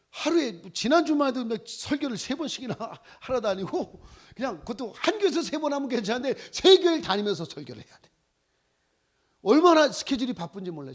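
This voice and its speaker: Animated man in his sixties preaching. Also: high-pitched, husky. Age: 60s. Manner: animated storytelling, exclaiming and laughing often. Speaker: missionary preacher. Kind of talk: sermon with personal stories.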